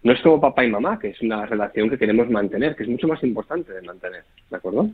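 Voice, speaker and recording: Fast, husky man, poker coach type, keeps checking you follow; tinny phone-like sound. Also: fairly low pitch, lively intonation. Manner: fast, explanatory, checks with listener. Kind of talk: podcast interview.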